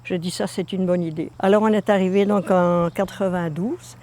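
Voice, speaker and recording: An older woman from Belgium, telling her immigration story in a documentary with lively, repetitive emphasis. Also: fairly low pitch, moderate pace. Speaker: interviewee. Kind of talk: documentary testimony.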